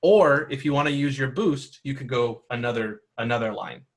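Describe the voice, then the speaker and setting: A man's voice: mid-range voice, moderate pace. A man running a tabletop role-playing game for children, explaining the rules patiently and encouraging the players. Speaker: game master.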